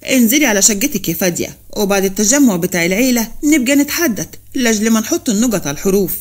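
A woman's voice: medium pitch, animated, very fast, a little mellow, close to an everyday voice. A woman voicing a stern, proud young husband who gives curt commands in an Upper Egyptian accent. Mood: commanding.

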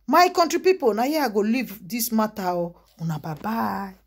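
Lively Nigerian Pidgin woman telling gossip. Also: fairly high pitch, moderate pace, slightly rough. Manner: lively storytelling with exclamations and repeated asides. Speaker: vlogger. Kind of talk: casual gossip commentary.

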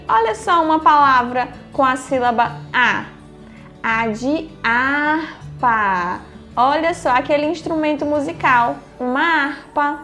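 A woman teaching young children, speaking gently and encouragingly, asking questions and answering them herself. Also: high-pitched. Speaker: primary school teacher. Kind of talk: slow, sing-song lesson for young children.

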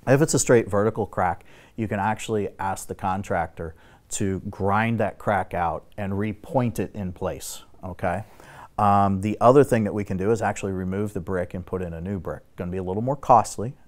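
A middle-aged man, a guest expert on building exteriors, explaining repairs in a steady, technical, instructive way on a studio talk show set. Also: low voice, normal speed.

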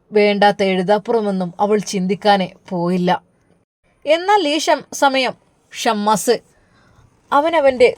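A woman with a Malabar Malayalam accent narrating a family story in an emotive, unhurried way. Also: mid-range voice, darkish tone, no room sound.

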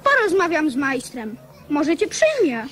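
A young boy king speaks in a high voice with animated intonation. He is earnest and resolute, making solemn declarations in radio drama style. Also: unhurried, heavily acted. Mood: friendly.

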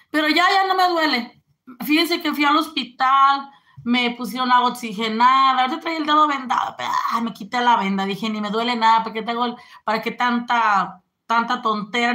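A woman's voice: fairly high pitch, sharp tone. A woman, chatting casually on a live stream and greeting viewers. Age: 40s.

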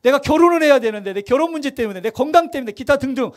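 A man's voice: very high voice, expressive, rapid-fire. A male pastor preaching at a Wednesday evening service, conversational and full of questions to his congregation, acting out sample prayers. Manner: acts out prayers in quoted voices.

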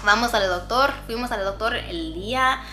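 A woman's voice: fairly high pitch, normal speed, over music. A young woman vlogger telling a candid personal story, mixing in English words. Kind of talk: storytime narration.

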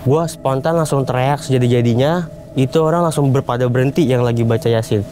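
A man's voice: mid-range voice, fairly quick, a little hiss or hum. Young man telling a story in slang. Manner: animated retelling in casual Jakarta slang, acts out quoted voices. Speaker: guest storyteller. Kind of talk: casual storytelling.

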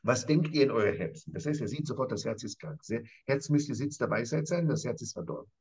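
Emphatic husky man teaching scripture. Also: mid-range voice, lively intonation, a little fast, darkish tone. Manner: emphatic, repeats phrases, often addresses his interviewer by name. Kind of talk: animated conversational Bible lesson.

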